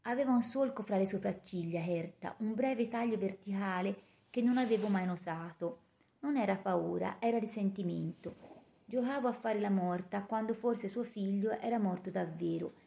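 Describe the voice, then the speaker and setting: Woman reading a novel, mellow voice. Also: mid-range voice, creaky. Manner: measured, expressive reading. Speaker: audiobook narrator. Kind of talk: first-person novel reading. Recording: roomy echo.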